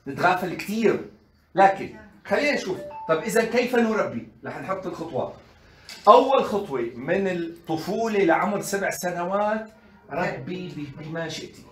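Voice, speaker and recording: A man giving an animated colloquial lecture on parenting to mothers, full of rhetorical questions and acted-out quotes. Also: high-pitched, normal speed, faint music behind. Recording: echoey room, voice from a distance.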